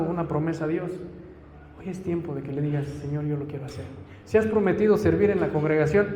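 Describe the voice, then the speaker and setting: A Mexican pastor preaches to his congregation in an earnest, storytelling way, taking on the voices in his tale. His voice is mellow and a little high for a man. He is heard in a roomy church hall with a long reverb and a faint hum behind him. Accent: Mexican Spanish. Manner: earnest storytelling, acts out dialogue. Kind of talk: sermon with personal testimony.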